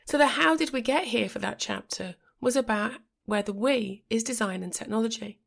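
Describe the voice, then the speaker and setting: A middle-aged woman with a croaky voice from a cold, hosting a podcast in a measured, reflective monologue. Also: a little high. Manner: measured, reflective delivery with occasional restarts. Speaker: podcast host.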